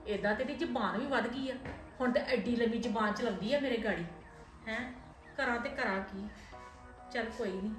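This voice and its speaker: A woman playing a scheming, complaining mother-in-law in a family drama, sharp-tongued and muttering plans to herself. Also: sits high. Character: scheming, nagging middle-aged mother-in-law.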